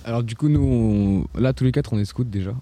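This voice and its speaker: A teenage boy answering interview questions, his speech soft and trailing off. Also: medium pitch, brisk. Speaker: young guest.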